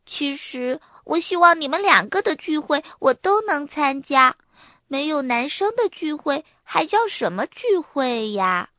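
A woman's voice: sits high, very animated, a little slow, bright, forceful tone, dry recording, studio quality, pitched above the performer's own voice, exaggerated voice. A woman voicing a spirited, helpful young girl monkey in a read-aloud children's storybook. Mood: wistful.

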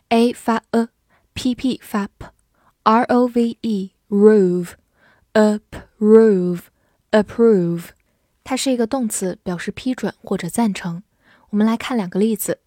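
A woman teaching English vocabulary in a lesson, patiently spelling words letter by letter and reading example sentences slowly, with Chinese as her first language. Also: medium pitch, dark tone, no echo, studio quality.

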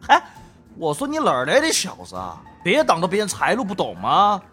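Brief: a wheedling Sichuan peddler of fake relics, pitched up high and lively. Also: male voice, brisk, faint music behind, exaggerated voice. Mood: menacing. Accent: Sichuan Mandarin. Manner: loud hawking, sly and wheedling. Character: boastful hawking street antique vendor, middle-aged man.

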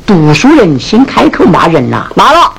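An actor playing a sharp-tongued comic innkeeper in a Sichuan opera, with a Sichuan accent, scolding in a sing-song way. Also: mid-range voice, huge pitch swings, moderate pace, creaky. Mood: mocking. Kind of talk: Sichuan opera stage acting. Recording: noisy 1970s film soundtrack.

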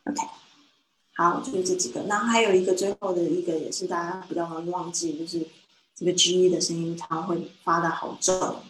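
A Mandarin-speaking woman with a low voice gives a one-on-one English pronunciation lesson. She corrects gently and models each word slowly and clearly. A faint hiss of noise sits under her voice. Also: fairly even intonation, rough recording. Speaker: English teacher.

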